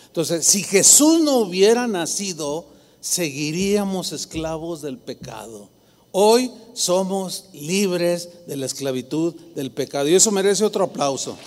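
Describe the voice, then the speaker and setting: A man with a Mexican Spanish accent preaching a sermon as pastor, animated and acting out the voices of churchgoers. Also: sits high, measured pace. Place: large church hall. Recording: long hall reverb.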